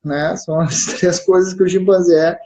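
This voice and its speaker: A man's voice: high voice, fairly even intonation, normal speed, dark tone, slight background noise. A man with a southern Brazilian gaúcho accent, co-hosting a live stream and explaining patiently, often checking in with "né?" and "certo?". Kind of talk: explanatory casual chat. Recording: roomy, dull live-stream audio.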